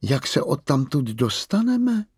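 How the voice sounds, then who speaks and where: A man's voice: mid-range voice, big pitch swings, darkish tone, breathy edge, dry recording, clean studio sound, voice pushed up. A man voicing a tiny, curious girl creature in a storybook reading, asking wondering questions.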